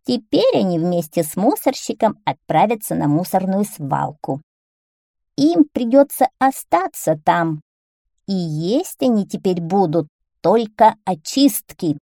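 A woman's voice: medium pitch, big pitch swings, unhurried, creaky, dark tone, dry recording, studio quality, full character voice. Woman doing a wry skinny lady. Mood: knowing. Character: skinny lady, knowing and calm.

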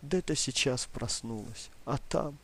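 A man voicing an old village grandmother who laments and wails about wartime hunger in her sleep, and murmurs softly and guiltily when awake. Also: mid-range voice, measured pace, breathy edge, no echo. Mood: subdued. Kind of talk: audiobook reading.

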